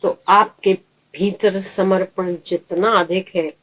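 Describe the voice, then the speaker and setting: A woman's voice: medium pitch, slow. A woman preacher giving a sermon, telling parables and asking rhetorical questions. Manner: lively storytelling, rhetorical questions. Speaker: spiritual preacher.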